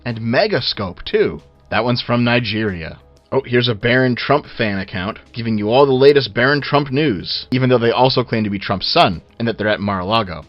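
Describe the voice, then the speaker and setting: A man giving casual, blunt and sardonic video commentary with swearing, on a low-quality, low sample rate recording. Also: lively intonation, a little fast, muffled recording, faint music behind.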